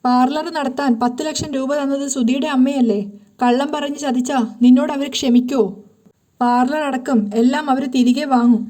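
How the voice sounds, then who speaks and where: A woman's voice: high-pitched, fairly even intonation, normal speed, warm tone, lightly acted. A woman voicing a firm young female friend who scolds and advises in a serial recap, close to her own voice. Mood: urging.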